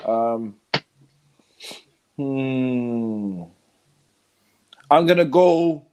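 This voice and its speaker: A man's voice: medium pitch, animated, extremely slow, mellow, clean tone. A man co-hosting a casual fight-preview chat, bantering and hesitant, full of fillers and repeats. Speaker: podcast co-host.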